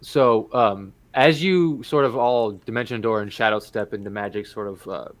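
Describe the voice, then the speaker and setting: A man with a fairly low voice runs a tabletop game. He chats casually, explains the rules and narrates scenes with some hesitation as he thinks them through. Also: moderate pace. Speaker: game master.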